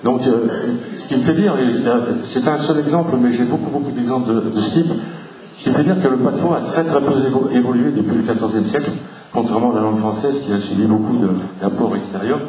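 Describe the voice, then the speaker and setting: A man gives a public history talk in a hall, taking his time and spelling out letters from his slides. He sounds far from the microphone, and the room echoes around him. His voice sits at an ordinary middle pitch for a man. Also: a crowd in the background. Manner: unhurried, explanatory, spells out letters for the audience. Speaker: local history lecturer. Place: hall with a live audience.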